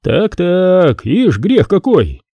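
A man voicing a calm, shrewd old male churchman who speaks with mild mockery in a storybook reading. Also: sits high, drawn-out words, no room sound, voice pushed up, heavily acted. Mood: calm mocking. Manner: calm, mildly mocking.

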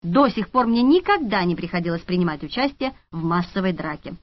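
A woman reading a first-person audiobook with a wry, expressive delivery. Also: lowish voice, fairly quick, dry recording. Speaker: audiobook narrator. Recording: lo-fi audiobook recording.

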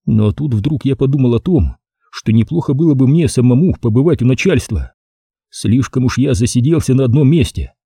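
A man narrating a first-person audiobook in a measured storytelling manner. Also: mid-range voice, lively intonation, warm tone, breathy edge, no room sound, clean studio sound.

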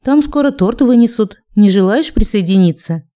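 A woman's voice: mid-range voice, lively intonation, normal speed, mellow, close to an everyday voice. A woman voicing a jealous, scheming young wife in an audiobook, cold and spiteful. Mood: pleading.

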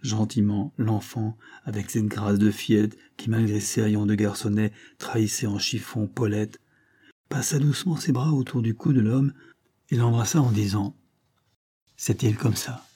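A man reading a novel aloud as an audiobook narrator, measured and dramatic. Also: fairly low pitch, fairly even intonation, mellow, husky. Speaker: audiobook reader. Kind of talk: scripted narration.

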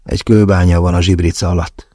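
A man voicing a gruff, rough-mannered male teacher in an audiobook, with a curt, reluctant manner. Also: deep voice, little pitch movement, mellow, no room sound, clean studio sound.

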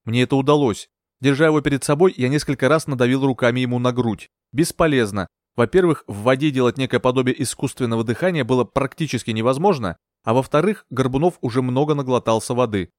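Male audiobook narrator, measured first-person reading, mid pitch. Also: a little mellow, no room sound, studio quality. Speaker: audiobook reader.

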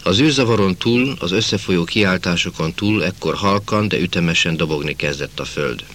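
A man narrates a novel in the first person with a measured, dramatic delivery. His voice is deep and sits low, with a forceful, slightly sharp tone. A faint hum lies under the reading. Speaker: audiobook narrator.

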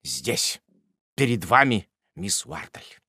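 A man's voice: medium pitch, sing-song, creaky, sharp tone, breathy edge, no room sound, studio quality, exaggerated voice. Fields: Voice: a man doing a gushing, ardent suitor. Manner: declaiming. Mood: impassioned. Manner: effusive, declaiming, drawn-out exclamations. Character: ardent, gushing middle-aged male suitor.

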